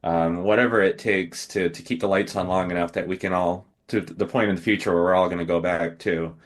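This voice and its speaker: Lowish-voiced man, halting delivery. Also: steady tone. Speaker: podcast guest. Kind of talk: casual industry discussion.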